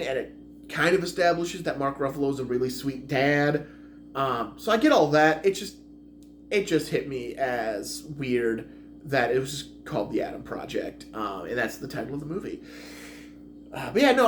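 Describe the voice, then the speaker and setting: A man's voice: fairly high pitch, a little hiss or hum. A man giving a casual spoken movie review, rambling and correcting himself as he goes. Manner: rambling, self-correcting, chatty.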